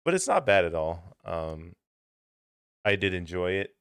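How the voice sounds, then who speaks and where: A young man co-hosting a casual podcast chat, loose and profane, often laughing and mimicking yells. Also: deep voice, very animated, unhurried, clean tone, no room sound, studio quality. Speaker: podcast co-host.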